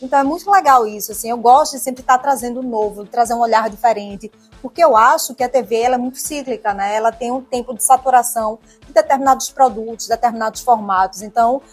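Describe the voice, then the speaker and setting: Woman in her 40s, Pernambuco accent, chatty TV presenter as a guest, slightly high husky voice. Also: fast talker, few pauses, soft background music. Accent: Pernambuco Portuguese. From Pernambuco, Brazil. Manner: warm, expressive, chatty with frequent tag questions. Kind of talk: interview answers.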